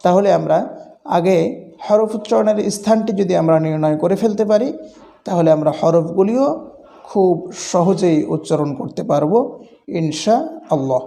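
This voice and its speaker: A man teaching the pronunciation of Arabic letters in a slow, deliberate lesson, drawing out each letter sound as an example. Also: sits high, vocal fry, mellow. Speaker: Quran recitation teacher. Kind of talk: instructional lesson.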